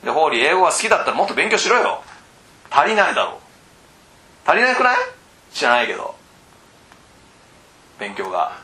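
A man trains cram school teachers in a loose, teasing lecture, prodding them bluntly. His pitch swings widely and his tone is bright. He keeps breaking off to check that his listeners follow. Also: huge pitch swings, brisk, pauses often. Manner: keeps checking in with rhetorical asides.

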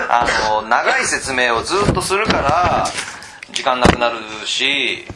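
A man training teachers in a casual lecture, chatting with the room, asking questions and swinging between loud and hushed. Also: mid-range voice, a little hiss or hum. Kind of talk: lecture to tutors. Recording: roomy echo.

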